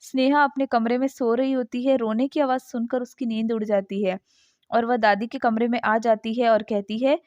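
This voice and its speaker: A woman storyteller narrates a moral family tale in a gentle, expressive voice that sits high. The recording is dull and lo-fi, dry with no room echo. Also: normal speed.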